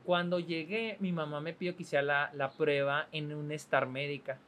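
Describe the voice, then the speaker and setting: A young man, a podcast host who is hoarse from a lingering cough, telling stories in a casual chat, swearing and acting out the exchanges he quotes. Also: a little high, steady tone, moderate pace, fairly bright tone.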